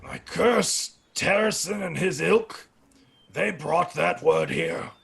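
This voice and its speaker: A man voicing a grumpy, bitter old nature priest in a tabletop game, with a creaky, raspy, slow and solemn delivery. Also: fairly high pitch, animated, a bit bright, exaggerated voice. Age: older. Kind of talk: tabletop role-play acting.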